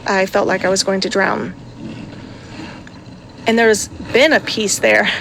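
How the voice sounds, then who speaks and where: A woman in her thirties chats casually to her vlog audience at an unhurried pace. She laughs often and slips in sarcastic asides. Faint background noise sits under her voice. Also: mid-range voice, fairly bright tone. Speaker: vlogger and mother. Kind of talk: casual chat.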